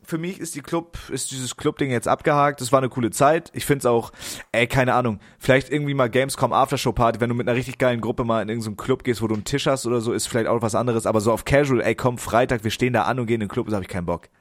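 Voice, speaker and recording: A young man talking quickly in a loose, slangy way, rambling from one story to the next. His voice is dry and close, with no room around it, at a middling pitch for a man. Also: no room sound. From northern Germany. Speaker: podcast co-host. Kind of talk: casual chat.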